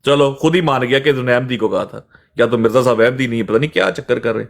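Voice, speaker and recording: Brief: male host, mid pitch, heated and accusatory, going through clips. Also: fast talker, gravelly. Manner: angry, accusatory, lecturing. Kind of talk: heated religious debate stream.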